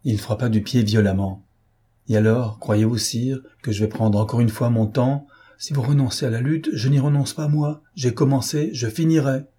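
A man voicing a proud, defiant gentleman thief in an audiobook, mocking and self-assured. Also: mid-range voice, steady tone, normal speed, breathy edge, natural voice. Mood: forceful. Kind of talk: audiobook character reading.

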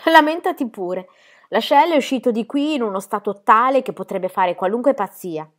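Woman reader as an elderly aunt, sharp-tongued, scornful, sarcastic. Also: medium pitch, expressive, normal speed, natural voice. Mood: scolding.

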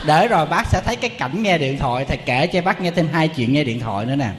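A man's voice: fairly high pitch, expressive, quick pace, in a large hall, a little hiss or hum. A man, a Buddhist monk giving a humorous, storytelling sermon.

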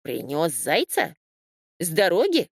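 A woman's voice: lowish voice, huge pitch swings, takes it slowly, gravelly, husky, dry recording, studio quality, exaggerated voice. Woman doing a grumbling old beaver. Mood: gruff. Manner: grumbling, scolding. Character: gruff, fussy male beaver.

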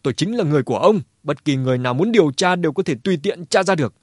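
A man's voice: on the high side, expressive, a little fast, husky, no room sound, clean studio sound, voice pushed up. A man voicing a frantic young hitman. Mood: frantic accusing. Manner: shouting accusations. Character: panicked young male hired killer, agitated.

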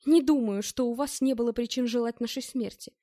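A cold male interrogator who presses his accusations slowly and insinuatingly, as a woman reads him in an audiobook. The voice sits a little high and dry, close to the mic. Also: dark tone, no echo, close to an everyday voice. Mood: accusing.

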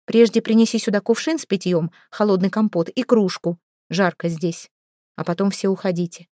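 A woman voicing a sharp-tongued, weary healer who scolds and gives orders in a raised voice. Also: medium pitch, fairly even intonation, normal speed, no room sound, studio quality, natural voice. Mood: commanding.

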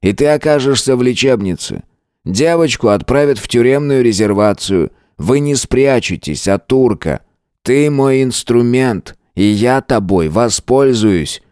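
A man's voice: mid-range voice, animated, darkish tone, clean tone, no echo, clean studio sound, pitched above the performer's own voice, lightly acted. A man doing a cold, mocking manipulator. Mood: menacing. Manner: slow, mocking, menacing. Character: middle-aged man, cold, scornful manipulator.

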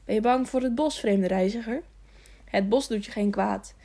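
A woman's voice: medium pitch, moderate pace, vocal fry, warm tone. Woman putting on an eager childlike young fool. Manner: repetitive, pleading questions. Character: simple-minded young man, childlike, lonely and eager.

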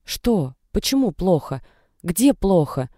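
A man's voice: high voice, moderate pace, mellow, dry recording, clean studio sound, natural voice. A man voicing a flustered, fretting grandmother who fires off anxious questions.

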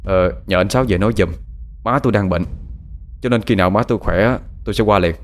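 A man's voice: lowish voice, fast, slight background noise, lightly acted. Man voicing an earnest young farmer. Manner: earnest, pleading, then raging. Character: young poor farmer, proud and hot-headed.

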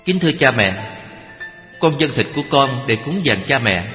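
A man's voice: medium pitch, big pitch swings, normal speed, muffled recording, lightly acted. A man reading as a selfless young prince. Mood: earnest. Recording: echoey hall with faint music.

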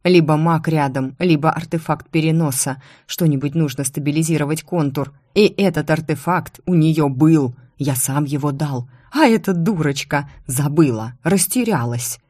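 A woman's voice: deep voice, moderate pace, hardly any pauses, mellow, no echo. A woman voicing a stern, irritable male university rector, a mage who scolds in anger, read in an audiobook. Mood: furious. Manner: angry, scolding. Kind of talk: audiobook character reading.

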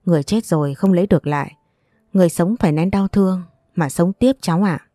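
A woman voicing a sharp-tongued but protective middle-aged aunt in an audio story. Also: fairly low pitch, fast, dry recording, studio quality, soft background music, close to an everyday voice. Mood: gentle. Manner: scolding, firm.

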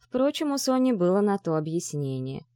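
A woman's voice: medium pitch, sing-song, normal speed, dark tone, dry recording, clean studio sound. A woman narrating an audiobook expressively, raising her voice for urgent dialogue. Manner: reads dialogue in raised, urgent tones.

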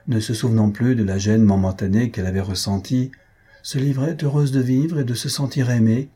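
Husky man reading a novel. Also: on the low side. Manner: even, measured storytelling. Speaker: audiobook reader. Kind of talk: scripted narration of a novel.

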